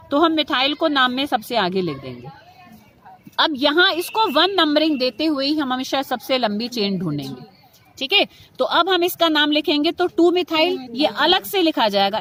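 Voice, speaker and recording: A woman's voice: high-pitched, a bit bright. A woman teaching chemistry in speech, lecturing students in a classroom style, often asking them questions and answering them herself. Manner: addresses students affectionately, asks and answers her own questions.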